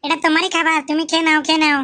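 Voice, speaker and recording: Pleading young cartoon wife, high and quick woman voicing. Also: completely flat delivery, pushed and bright. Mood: placating. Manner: placating, whiny. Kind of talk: comic cartoon voice acting.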